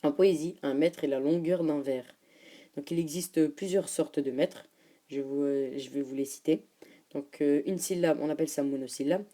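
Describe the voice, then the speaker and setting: A woman with a low, very mellow and dark voice presents a class talk. She reads from her notes and pauses often with fillers. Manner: hesitant, many filler pauses. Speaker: student presenter. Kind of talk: read-aloud class presentation.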